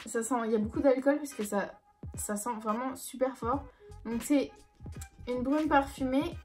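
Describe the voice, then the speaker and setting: This young adult beauty vlogger speaks in a high-pitched, somewhat mellow voice at a moderate pace, with faint music in the background. She chats casually through a haul and product review, light and self-deprecating, full of hesitant fillers.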